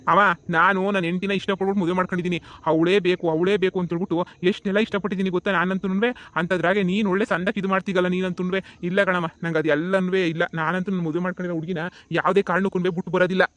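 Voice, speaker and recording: A man's voice: high-pitched, little pitch movement, quick pace, fairly bright tone. A man voicing an anxious young husband. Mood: pleading.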